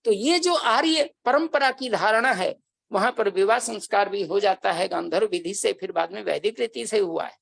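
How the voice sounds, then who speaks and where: A man's voice: high voice, normal speed, gravelly, a bit bright, no echo, poor audio. A man, a Vedic scholar, giving a religious discourse, telling old stories earnestly and chanting Sanskrit verses. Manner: storytelling, earnest and devotional.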